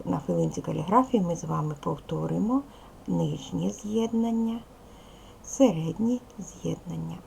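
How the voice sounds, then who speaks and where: A woman teacher giving a video lesson to young children, speaking slowly and clearly, asking them questions patiently. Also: low voice, a little mellow, slight background noise, low-quality recording. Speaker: primary school teacher.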